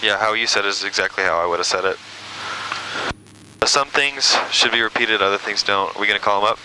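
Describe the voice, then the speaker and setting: Calm male flight instructor, lowish voice, on a cockpit headset with loud engine noise. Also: fairly quick. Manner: calm, relaxed coaching. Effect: pilot speaking over a cockpit headset intercom. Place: small airplane cockpit in flight. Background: engine drone.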